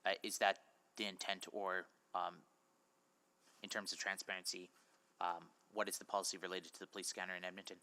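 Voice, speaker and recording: A man city councillor asking halting questions with many pauses at a council meeting in a council chamber. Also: deep voice, little pitch movement, sharp tone.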